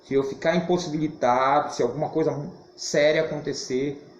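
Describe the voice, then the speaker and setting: Hoarse man teaching bible class, kinda high voice, lively and loud at times, roomy dull recording. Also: moderate pace. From Brazil. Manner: animated, emphatic, occasional shouting. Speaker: Sunday school teacher. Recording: roomy, dull, faint hiss.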